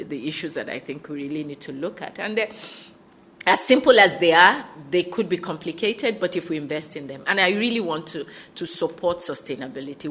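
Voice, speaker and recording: A woman's voice: low-pitched, fairly bright tone, a little hiss or hum. A woman from West Africa speaking as a conference panelist, earnest and emphatic, often restarting her sentences. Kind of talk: panel discussion remarks. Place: conference hall.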